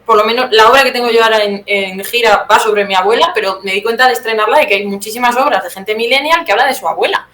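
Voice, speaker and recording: A young woman from Teruel, with a Spain Spanish accent, answers interview questions conversationally as a guest playwright. Her voice is a little high and a bit bright, moving at a quick pace with few pauses. The recording has a roomy echo and clear background noise.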